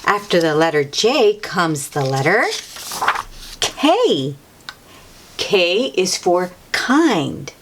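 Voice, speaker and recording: This woman has a lowish, very animated voice and reads very slowly with long pauses, over a slight hiss or hum. Hosting a children's read-aloud of a picture book, she acts like a teacher, repeating and stressing key words and speaking right to the young listener.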